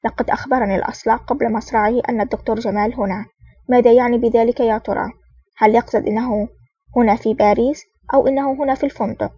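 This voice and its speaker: A stern male secret agent, curt and commanding, as a woman reads him out in her own voice. The reading is quick and flat-toned, with a dark, slightly husky sound. It comes from a dull, distant, dry recording. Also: a little high, no room sound. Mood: serious.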